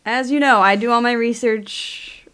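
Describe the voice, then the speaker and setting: A woman's voice: on the high side, fairly even intonation, a little slow, bright, forceful tone, clear, resonant tone. A woman co-hosting a comedy podcast who giggles a lot and often breaks into exclamations. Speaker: podcast co-host. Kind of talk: casual comedic chat.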